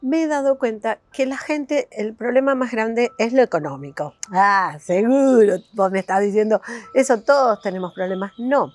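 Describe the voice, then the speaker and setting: Speaking straight to camera, a woman from Buenos Aires, Argentina, who works as a life coach and video host, chats in a loose, rambling way and tosses in questions. Her voice, with its Argentine Buenos Aires accent, sits on the high side with a darkish tone, and there's no room sound.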